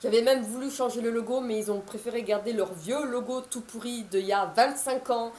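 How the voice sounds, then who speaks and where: A woman's voice: a little high, fairly quick, a little mellow, reverberant, slight background noise. A woman in her thirties, an author, chatting to camera in a casual, rambling way with many fillers and restarts. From France. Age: 30s.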